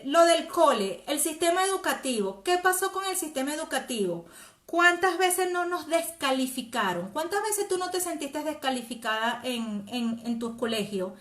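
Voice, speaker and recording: A woman talks directly to the viewers of her live stream, answering their comments. Her voice sits high, and the room around her gives a clear echo. She speaks in a gentle coaching way. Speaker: host.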